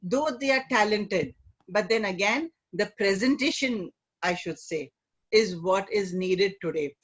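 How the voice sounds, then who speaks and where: A middle-aged woman with an Indian accent speaks conversationally as an interview guest, in a halting way peppered with "you know". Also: mid-range voice, lively intonation, breathy edge. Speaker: guest, image consultant. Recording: dull lo-fi online call audio.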